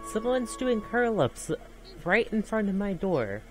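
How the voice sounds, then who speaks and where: A man's voice: high voice, very animated, measured pace, faint music behind. Man making wry gaming asides. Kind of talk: casual gameplay chat.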